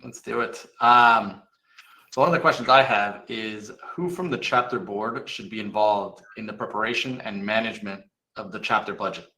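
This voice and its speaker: A man moderates a panel in a relaxed, conversational way. His voice is low but crisp and forceful, and the room around him rings with echo. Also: moderate pace. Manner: relaxed, conversational, some ums.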